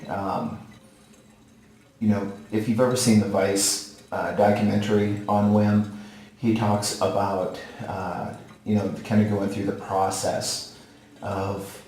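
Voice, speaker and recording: A man in his forties talks casually to the camera like a vlogger, with halting, unhurried delivery. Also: on the low side, mellow. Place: small tiled bathroom, sitting in a bathtub. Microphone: camera or phone a short distance away. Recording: very echoey tiled bathroom.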